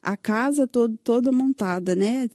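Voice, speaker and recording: Woman telling her testimony, dark dry voice. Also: a little high, normal speed, no room sound. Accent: Brazilian Portuguese, São Paulo. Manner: recounts with many "né?" tags and quoted dialogue. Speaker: guest sharing her testimony. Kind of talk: emotional personal testimony.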